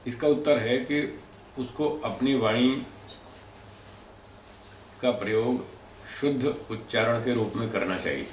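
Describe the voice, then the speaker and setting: A man giving a spoken lecture on speech and pronunciation, explaining in a measured way and demonstrating sounds aloud. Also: medium pitch. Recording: echoey room from a distant mic, faint noise.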